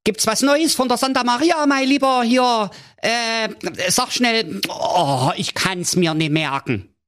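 A man's voice: slow pace, a bit bright, full character voice. A man voicing a pompous, impatient fairy-tale king who blusters and rants in a storybook. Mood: eager. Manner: shrill, blustering, ranting. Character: excitable fussy old king, pompous and impatient.

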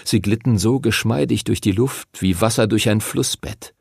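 A man narrating a fantasy audiobook in an expressive storytelling manner. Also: lowish voice, normal speed, vocal fry, breathy edge, no room sound, studio quality.

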